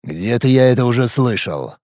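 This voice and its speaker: A man doing a gruff, curt lord-commander. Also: mid-range voice, expressive, normal speed, dark tone, no room sound, clean studio sound. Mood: irritated. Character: stern male lord-commander, gruff and irritable.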